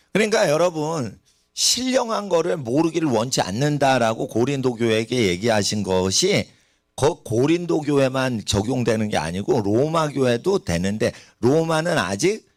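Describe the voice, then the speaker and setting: A man's voice: on the high side, dry recording, clean studio sound. A man preaching a sermon in a church, asking the congregation rhetorical questions. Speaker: pastor. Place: church sanctuary.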